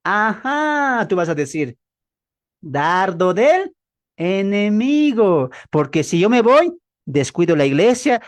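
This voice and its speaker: A man preaching a Bible class sermon, asking the audience questions and acting out both sides of dialogues with changing pitch and pace. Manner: dramatic, acts out dialogues with shifts in pitch and pace; asks the audience rhetorical questions. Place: church hall, also streamed on a video call.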